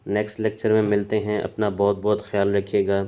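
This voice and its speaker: A man teaching a language lesson in a calm, measured way, clearly spelling out each sound. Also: on the low side, narrow, tinny audio. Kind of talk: slow explanatory lesson.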